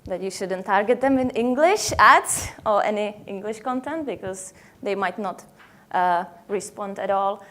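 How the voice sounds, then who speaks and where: A woman's voice: mid-range voice, unhurried, fairly bright tone. A young woman from the Czech Republic with a Czech accent, giving a conference presentation with many fillers and restarts. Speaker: conference speaker. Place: conference hall.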